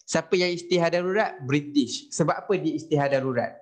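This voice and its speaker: A man's voice: fairly high pitch, quick pace. A man with a Malaysian Malay accent teaching a history class over a video call, quizzing his students and mixing in English phrases. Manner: lively, asks students questions, mixes in English. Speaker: history tutor. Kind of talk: online class lecture.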